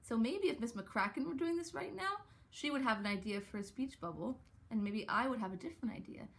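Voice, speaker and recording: A young adult woman teaching a writing lesson to young children, gently coaxing and sounding out words slowly. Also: fairly high pitch, lively intonation, gravelly.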